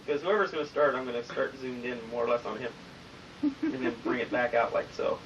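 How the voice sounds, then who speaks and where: A man's voice: medium pitch, animated, a little fast, fairly bright tone. A man running the camera and directing a homemade skit, counting down takes and joking about his own slip-ups. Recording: distant, dull home camcorder audio with noticeable hiss.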